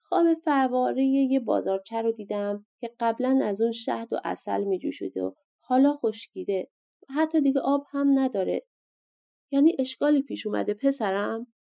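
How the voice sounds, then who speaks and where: A woman's voice: fairly high pitch, creaky, dark tone, dull audio, voice pushed up. A woman voicing an old grandmother of a giant, fussy and scolding, in a storybook reading. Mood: coaxing.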